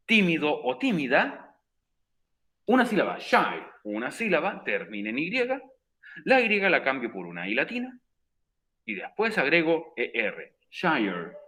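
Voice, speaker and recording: A man's voice: a little high, pushed and bright. A man teaching an English class, patiently repeating the rules step by step. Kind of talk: recorded virtual class explanation.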